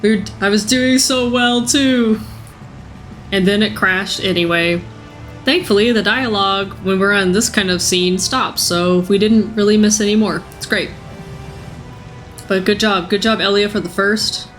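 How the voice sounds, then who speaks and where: A woman streamer chats casually as she plays, joking at her own expense. Her voice sits in an ordinary middle range and sounds a bit rough from being sick. Soft game music plays under her talk. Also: mid-range voice, measured pace. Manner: chatty, self-mocking, laughs often. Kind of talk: casual let's-play commentary.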